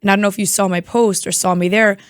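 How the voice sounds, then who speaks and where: A hoarse woman, chatting casually as a guest and filling her talk with "like". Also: medium pitch, steady tone, quick pace, no echo, studio quality. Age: 20s. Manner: chatty, many "like" fillers. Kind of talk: casual chat.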